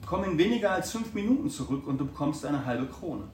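A man's voice: fairly high pitch, a little fast. A man reading aloud and voicing an overjoyed old miser who exclaims eagerly. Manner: excited, exclaiming. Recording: echoey room, distant mic, faint noise.

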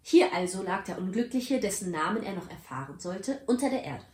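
A woman's voice: medium pitch, brisk. Woman reading a story aloud, roomy sound. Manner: dramatic, expressive reading. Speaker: narrator. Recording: roomy echo.

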